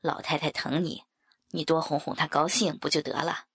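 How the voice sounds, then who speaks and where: A woman's voice: sits low, fairly even intonation, moderate pace, a bit bright, husky, voice pushed down. A woman voicing a jovial middle-aged man who fawns and coaxes with a chuckle. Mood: coaxing. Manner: chuckling, coaxing, eager to please.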